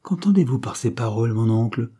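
A man reading the part of an earnest, proud young duchess in a storybook, with a pleading, gentle delivery in his husky voice. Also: mid-range voice, expressive, brisk.

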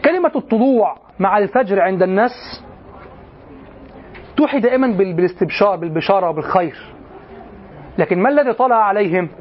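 A man's voice: high-pitched, lively intonation, fast, long pauses, muffled recording, a little hiss or hum. A male teacher giving a classroom lecture on classical poetry, explaining step by step and often checking that students follow. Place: lecture room at an institute.

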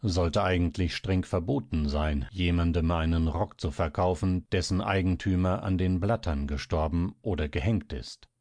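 A man's voice: sits low, no room sound, studio quality. A man voicing a shy, sly older male assistant in an audiobook, who speaks timidly and in a muted voice. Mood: hushed. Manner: timid, hushed, slow.

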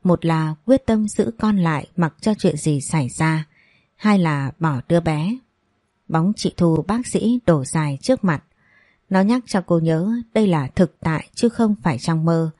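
A woman narrating a dramatic audio story in a steady storytelling manner. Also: deep voice, measured pace, dry recording.

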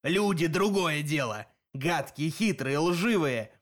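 A huge, wounded male cyclops howls in long, dragged-out words, voiced by a man reading an audiobook. The voice sits far above the reader's own and stretches slowly, with an unfamiliar, strained timbre. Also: animated. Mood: raging. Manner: howling, drawn-out, strained high voice. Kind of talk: audiobook character voicing.

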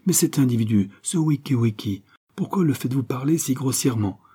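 A man's voice: medium pitch, lively intonation, a little fast, mellow, husky, voice pushed up. Man voicing a proper, reproachful young woman.

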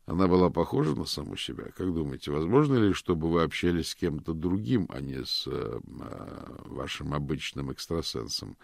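Мужик за спокойного вежливого детектива, низкий голос, хрипотца. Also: male voice, a bass voice, normal speed, creaky, hardly any pauses, dry recording, studio quality, heavily acted. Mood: calm. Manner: calm, polite, patient. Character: calm polite male police detective.

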